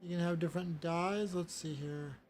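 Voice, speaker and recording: A woman streaming a relaxed game, thinking aloud and often stopping herself with "hold on" and sudden surprised exclamations. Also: fairly low pitch, moderate pace, soft background music. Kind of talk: casual gameplay commentary.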